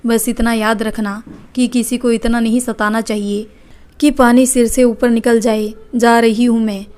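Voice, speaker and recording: A woman's voice: on the high side, a little mellow, lightly acted. A woman voicing an outspoken, caring elder sister-in-law in a read-aloud family story. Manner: firm, reproachful.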